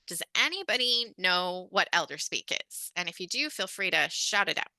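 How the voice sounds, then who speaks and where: A woman trainer running a webinar over a video call, with a very bright, forward tone and a dry, close sound. Her delivery is casual and chatty, full of "um"s and "like"s. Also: fairly low pitch, very animated, moderate pace, dry recording. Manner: chatty and informal, heavy on fillers like "um" and "like". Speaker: communication skills trainer.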